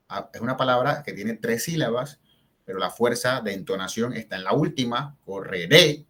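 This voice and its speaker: A man's voice: mid-range voice, a bit bright. A man giving a spelling lesson who explains step by step, stresses example words and keeps checking in with short questions. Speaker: teacher.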